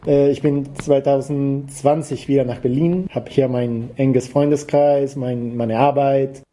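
A man from Costa Rica, appearing as an activist guest, answers interview questions in German with non-native grammar, hesitating often and filling gaps with "äh." His mid-range voice is dark and steady, and he speaks unhurriedly.

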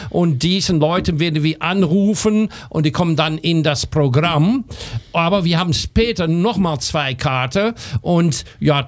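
A man from the Netherlands with a Dutch accent, presenting on a community radio show in halting second-language German with many fillers. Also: fairly high pitch. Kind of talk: casual multilingual radio presenting.

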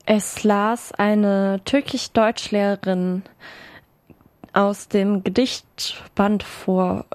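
A woman presenting a community radio feature, reading a scripted announcement in a steady manner with occasional filler sounds. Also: mid-range voice, drawn-out words, no echo.

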